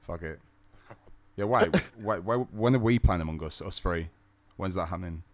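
A man hosting a casual interview, relaxed and teasing. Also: low voice. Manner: relaxed, teasing, quick to laugh. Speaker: interviewer, podcast host.

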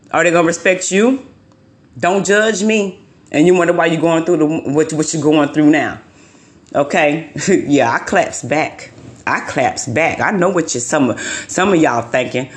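A woman in her forties, a tarot card reader, delivering a heated, profane rant to her viewers and repeating her points for emphasis. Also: deep voice. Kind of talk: heated ranting monologue.

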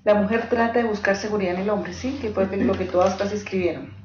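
A woman's voice: mid-range voice, steady tone, fast talker, darkish tone. Earnest woman teaching in an echoey room. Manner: earnest, direct, tells stories from pastoral cases; keeps checking in with the audience. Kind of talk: teaching talk to a live group. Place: room with a small live group. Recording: echoey room, dull lo-fi, faint hiss.

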